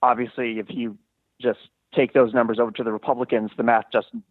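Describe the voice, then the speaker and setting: A man's voice: mid-range voice, flat delivery, brisk, dry recording. A man from Texas calling in by phone to a political talk show, speaking casually, politely and a little hesitantly. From Texas, United States. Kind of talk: casual call-in discussion. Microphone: phone call. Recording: muffled, tinny phone line.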